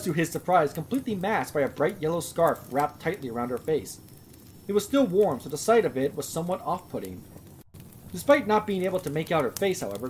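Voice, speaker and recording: A young woman reads a story aloud for comedy and keeps breaking in with sarcastic, swearing commentary. Her voice sits a little low. Her asides are mocking and exasperated. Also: darkish tone, a little hiss or hum. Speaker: host reading a story aloud. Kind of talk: comedic live reading with commentary.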